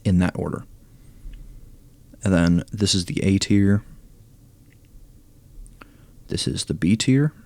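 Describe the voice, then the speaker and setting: Young male gamer, deep and hoarse, slow relaxed delivery, thinking aloud. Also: dry recording. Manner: low-key, thinking aloud, reading stats. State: losing his voice, hoarse. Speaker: gaming YouTuber ranking cards. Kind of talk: casual commentary.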